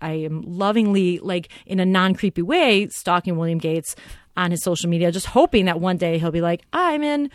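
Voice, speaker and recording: A woman co-hosting a casual film podcast, talking excitedly and rambling with lots of fillers. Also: lowish voice, moderate pace, dry recording, clean studio sound. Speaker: podcast co-host.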